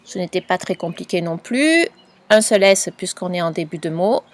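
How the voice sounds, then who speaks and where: A woman teacher giving a patient, clearly spoken dictation lesson to a young pupil, spelling out letters and sounds. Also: fairly low pitch, expressive, normal speed. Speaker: primary school teacher.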